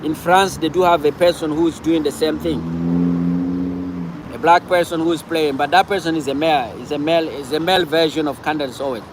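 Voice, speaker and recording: A man's voice: on the high side, steady tone, a little fast, background noise. A man from Cameroon, hosting a casual livestream and talking back to viewer comments, often repeating himself. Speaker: livestream host.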